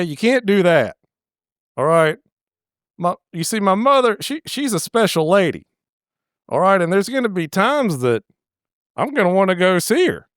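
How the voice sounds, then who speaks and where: A man's voice: smooth, no room sound, studio quality. A man voicing a nervous, indignant young woman who stammers. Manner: squeaky, stammering, exasperated.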